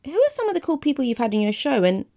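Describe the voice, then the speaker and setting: Lively woman hosting a podcast. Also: high-pitched, very fast. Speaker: podcast host. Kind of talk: scripted intro then interview questions.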